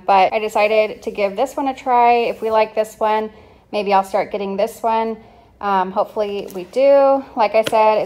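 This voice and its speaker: A woman in her thirties chatting casually at home about her groceries and weekly meal plan, relaxed, with lots of ums and likes. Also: medium pitch. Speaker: vlogger. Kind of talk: casual grocery haul chat. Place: home kitchen.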